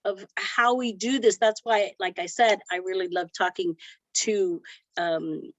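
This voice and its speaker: Her voice is medium in pitch and steady, her pace unhurried, as this Cuban-born woman in middle age talks reflectively during a podcast interview with many fillers and restarts. The audio is dry, dull, and lo-fi.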